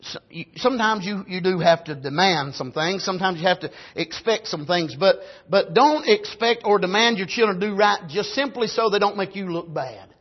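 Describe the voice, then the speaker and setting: A dull, lo-fi recording of a male preacher with an Appalachian accent. His voice is very high for a man and rough with huskiness. He delivers a folksy, storytelling sermon, circling back over his phrases. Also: animated, normal speed, few pauses. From rural United States, grew up on a farm. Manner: punctuates phrases with "amen", repeats and restarts phrases for emphasis.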